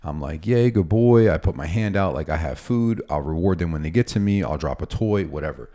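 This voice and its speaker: A man who works as a dog trainer, talking casually and explaining with examples and asides in a relaxed, instructional way. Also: rumbling low, brisk.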